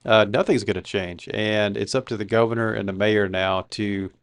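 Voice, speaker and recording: A male commentator with a low, smooth voice speaks in a casual, indignant tone and often pauses on "uh." The sound is dry and close, with no room around it. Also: fairly even intonation, no echo. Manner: indignant, with frequent "uh" fillers. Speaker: political commentator.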